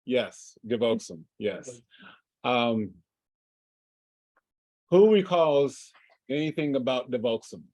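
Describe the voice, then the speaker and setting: A man running a livestreamed tabletop game as game master, halting and full of fillers and restarts. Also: medium pitch, expressive, darkish tone, dry recording.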